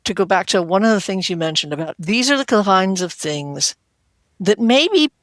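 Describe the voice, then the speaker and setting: A woman's voice: medium pitch, expressive, moderate pace, no echo. A woman hosting a health podcast, speaking as a healthcare worker in an earnest, conversational way, stacking repeated phrases. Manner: earnest, repetitive "we want to" phrasing, acts out quotes. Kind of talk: conversational interview.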